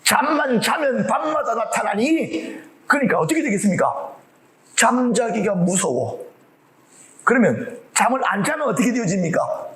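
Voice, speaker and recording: A man preaching a sermon in an animated way, asking the congregation rhetorical questions and acting out the voices of the people in his story. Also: extremely high pitch, normal speed, low-quality recording. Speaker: pastor.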